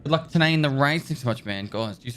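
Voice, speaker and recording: A man's voice: mid-range voice, animated, quick pace, fairly bright tone. A man streaming a game, chatting casually and swearing easily as he thanks subscribers, heard through a livestream headset mic. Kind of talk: casual live-stream chat.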